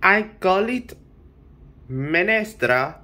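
Very slow, mock-dramatic comedy guy. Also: sits high, lively intonation, sharp tone. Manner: playful, mock-dramatic, exasperated outbursts. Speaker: comedy sketch host. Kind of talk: comedy sketch.

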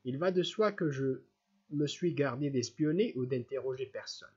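Un jeune garçon bavard qui raconte ses nouvelles avec empressement, lu par un homme dans un livre audio. La voix est voilée. Le son est un peu terne. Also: male voice, medium pitch, moderate pace, slightly rough, dull audio, natural voice. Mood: eager. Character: eager talkative youth bringing news.

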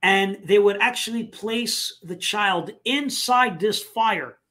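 A man hosting a live online talk show, speaking casually with many fillers and pauses. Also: sits high, bright, forceful tone. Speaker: host.

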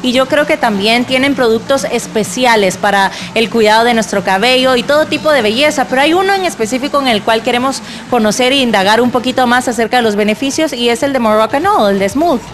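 A young woman reporting for a morning television show, with a bright, upbeat delivery into a handheld microphone in an indoor salon. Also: a little high, fast, few pauses, slight background noise. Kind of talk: television segment presenting. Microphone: handheld mic.

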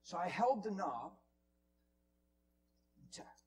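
A man preaching in a church, telling a story with sudden drops into whispers and bursts of loud exclamation. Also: sits high, sing-song, slow, a little hiss or hum. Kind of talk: sermon storytelling. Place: church hall.

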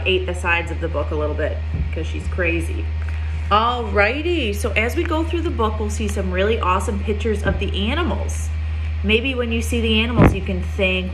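A young woman teacher reading a picture book aloud to small children, gentle and sing-song, stopping to ask them questions. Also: medium pitch. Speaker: preschool teacher.

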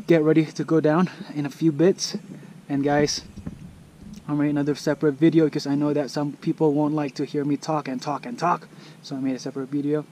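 A young man talking excitedly to his viewers in a casual vlog from a mountain summit outdoors, repeating himself as he points things out. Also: on the high side, fairly quick, a little hiss or hum. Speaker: vlogger.

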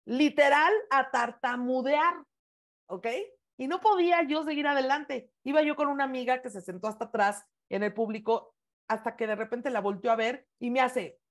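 A woman's voice: high-pitched, normal speed. A woman hosting an online book club, talking in an encouraging, emphatic way and telling her own stories. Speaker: book club host and speaker. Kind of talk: casual online club talk.

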